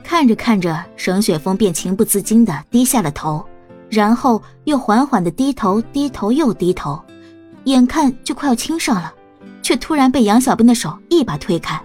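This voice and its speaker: A woman narrating a storybook in a calm, even reading voice. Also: fairly high pitch, normal speed, husky, soft background music. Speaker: audiobook narrator.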